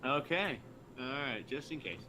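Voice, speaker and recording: A man's voice: medium pitch, animated, a little slow, bright, forceful tone, a little hiss or hum. A man playing in a tabletop game, hesitantly stating actions and asking curious rules questions. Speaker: player. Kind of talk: casual tabletop play.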